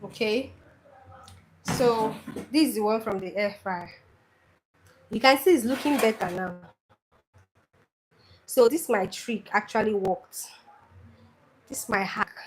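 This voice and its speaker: A cooking channel host with a Nigerian Igbo accent and a medium-pitched voice walks through a casual home cooking lesson at an unhurried, deliberate pace. Chatty, she repeats her key points for emphasis. The low-quality recording carries a faint hiss beneath her voice.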